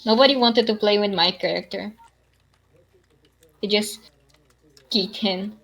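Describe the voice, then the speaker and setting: A woman's voice: medium pitch, unhurried, a bit bright, poor audio. Chatty woman trading game stories. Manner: chatty storyteller, eager exclamations. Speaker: tabletop game player. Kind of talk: casual chat during online tabletop game.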